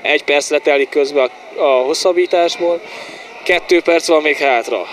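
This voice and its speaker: A man giving excited, partisan live football commentary in short exclamations and repeated player names, as a home-side commentator. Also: on the high side. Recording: noisy outdoor stadium sound.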